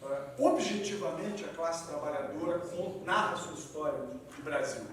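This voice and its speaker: A man giving an animated lecture to an audience, often checking in with "né". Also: normal speed. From southern Brazil. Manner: animated, wide swings in pitch and loudness, frequent "né". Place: meeting hall. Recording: echoey hall, distant mic, faint noise.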